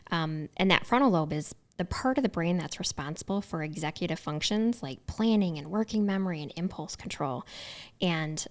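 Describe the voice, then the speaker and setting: A middle-aged woman with a notably deep voice co-hosts a casual podcast. She explains topics in the manner of a therapist and often chimes in with agreement. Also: animated, normal speed.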